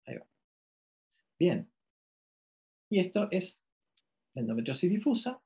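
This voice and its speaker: A man's voice: high voice, sing-song, measured pace, a little mellow. A man from Argentina giving a medical ultrasound lecture, explaining step by step with frequent checking questions and self-corrections.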